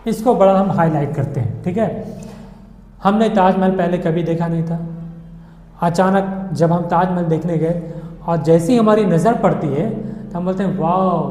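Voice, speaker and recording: A man teaches a grammar lesson in a patient, step-by-step way, dropping English words into his talk and pausing to ask "okay?" His voice is soft and mellow. It rings with a long reverb, as if recorded in a bare, echoing room. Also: sits high. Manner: patient explaining, repeats "okay" often; mixes English words into Hindi.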